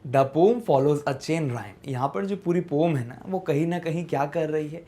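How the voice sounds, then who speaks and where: Slow, patient Hindi-speaking woman teacher. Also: low voice, mellow, a little hiss or hum. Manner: reads English text slowly, then explains in Hindi with frequent "है ना" checks. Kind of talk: explaining a poem to students. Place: classroom-style video lesson.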